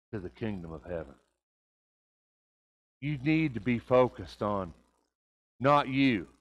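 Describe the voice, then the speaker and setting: An older man preaching a conversational sermon in a church sanctuary, asking the congregation rhetorical questions. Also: medium pitch.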